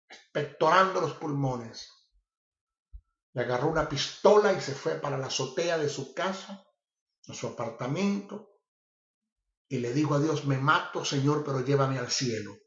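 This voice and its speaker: A man's voice: a little high, measured pace, pauses often. A male preacher giving a sermon, emphatic and often repeating himself. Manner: emphatic and repetitive. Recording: roomy, slightly dull recording.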